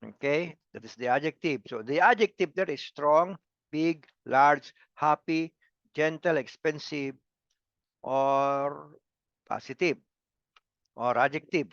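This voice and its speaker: A man's voice: a little high, slow pace, fairly bright tone, dry recording, highs cut off. A man teaching English grammar in a lecture, repeating words and syllables and asking students to say them again. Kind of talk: slow classroom lecture.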